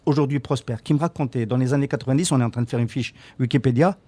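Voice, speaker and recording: A man's voice: medium pitch, rapid-fire, warm tone, no echo. A man from Algeria on a radio panel discussion, hesitant and full of repeated words and fillers.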